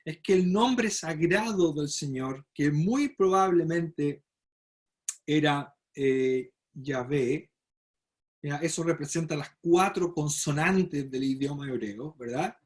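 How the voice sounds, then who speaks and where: A man's voice: on the high side, slow. A man teaching a Bible study lecture, explaining step by step and often checking in with his listeners. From Chile. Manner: explanatory, frequent "¿verdad?" tag questions and fillers.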